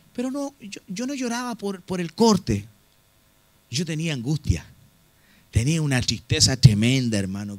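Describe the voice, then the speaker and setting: A middle-aged man preaches a sermon and weaves in his own story, speaking earnestly and often turning to his listeners as brother. His voice sits high for a man. The sound is dry and close. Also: fairly bright tone, dry recording. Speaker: pastor.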